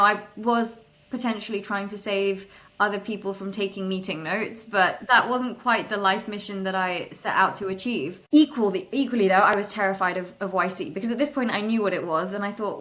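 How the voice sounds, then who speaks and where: Sitting in for an interview, a young adult startup founder shares her story conversationally in a slightly bright mid-range voice. She comes across as candid and self-mocking, with many restarts.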